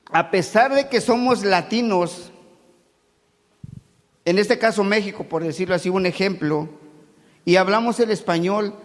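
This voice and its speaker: A high-pitched man from Mexico City, speaking with a Mexico City Spanish accent, preaches a sermon in a large church hall. He shifts between loud preaching and quiet, conversational asides.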